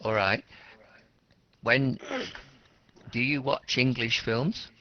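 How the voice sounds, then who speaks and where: A man with a medium-pitched, steady voice teaches an English class slowly, questioning students and explaining words simply through repetition and rephrasing. The classroom recording sounds dull and lo-fi.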